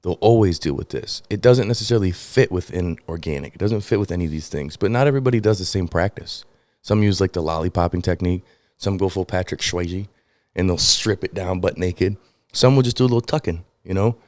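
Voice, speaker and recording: A man's voice: low voice, brisk, a little mellow, no room sound. A man with a Midwestern American accent co-hosting a podcast, rambling and joking in casual chat. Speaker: podcast co-host.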